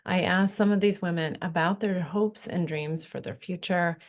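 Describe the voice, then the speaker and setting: A woman's voice: lowish voice, fairly even intonation. Earnest woman presenting for a nonprofit. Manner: earnest, measured, informative. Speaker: nonprofit executive director and midwife. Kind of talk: scripted presentation at a virtual event.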